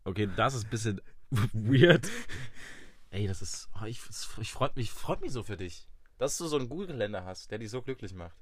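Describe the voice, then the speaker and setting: A man with a lowish voice trading crude, teasing banter as a podcast co-host. He talks loosely and jokingly, often putting himself down for laughs. The sound is dry and close. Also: lively intonation, a little fast, dry recording. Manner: teasing, crude banter, mock self-deprecating. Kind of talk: casual chat.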